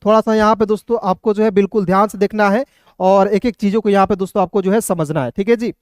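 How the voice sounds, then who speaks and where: A man's voice: sits high, steady tone, fast, no echo, studio quality. A man giving an online English reading lesson, spelling words out letter by letter and often addressing his viewers as friends. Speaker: English teacher.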